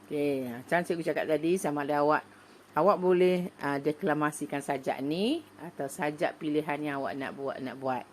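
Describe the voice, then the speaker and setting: A middle-aged woman with a Malaysian Malay accent, a primary school teacher patiently explaining an online lesson step by step, reciting poems slowly and loudly. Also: low voice, a little hiss or hum. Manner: patient, explaining step by step with many "okey" fillers; slow, loud, emphatic when reciting poems. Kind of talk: online lesson for young pupils.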